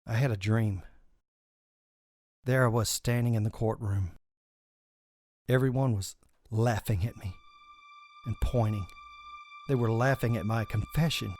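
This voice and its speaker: A man's voice: mid-range voice, measured pace, long pauses, a little mellow, faint music behind. A man reading a scripted first-person horror story in an intense, confessional way, swearing often.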